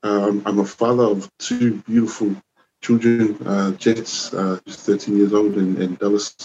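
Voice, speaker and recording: A man in his forties from New Zealand, a youth worker chatting as a podcast guest, relaxed and rambling with lots of "you know" and "man". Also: on the low side, measured pace, highs cut off, slight background noise. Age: 40s. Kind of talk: casual conversation.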